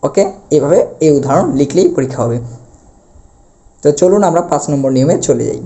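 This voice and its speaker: A man's voice: fairly high pitch, animated, fairly quick, dark tone. A man teaching an online grammar lesson, explaining patiently and repeating key words, with frequent fillers.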